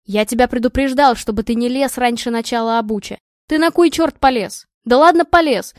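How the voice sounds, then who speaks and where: A woman reading a calm, dry young man. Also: fairly high pitch, no room sound, lightly acted. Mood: annoyed. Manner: unhurried and dry. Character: calm, sardonic young man, tech-savvy friend.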